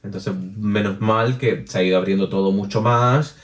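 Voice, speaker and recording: A Chilean man with a fairly low voice chats animatedly as a guest, full of fillers and quick laughs. He sits a little away from the mic, so the sound carries some room. His talk is loose and informal. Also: recorded from a distance. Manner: animated, many restarts and fillers, laughs easily. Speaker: interview guest, drag performer and DJ. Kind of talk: casual interview chat. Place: room with a jacuzzi.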